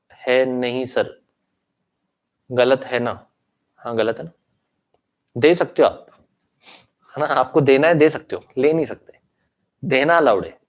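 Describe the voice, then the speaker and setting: A man's voice: medium pitch, dull audio. A young Indian man teaching law in an online lecture, with a sore throat and an occasional cough, switching between Hindi and English and checking in with students with tag questions.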